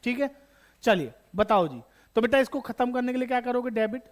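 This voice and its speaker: A man with a very high voice, speaking a little fast, delivers an online accountancy lesson to prepare school students for exams. Repeating key terms, he asks questions and supplies the answers himself, talking directly to viewers and calling them beta and bachche like children.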